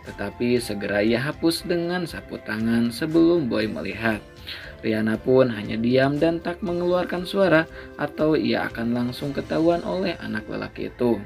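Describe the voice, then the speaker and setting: Steady male storybook narrator. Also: medium pitch, vocal fry, soft background music. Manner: steady, measured reading with small slips.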